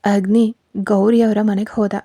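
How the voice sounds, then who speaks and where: A woman telling a scripted story in a steady, even voice. Her tone is dark and mellow, and the close mic sounds completely dry. There is no room echo behind her. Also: mid-range voice, measured pace.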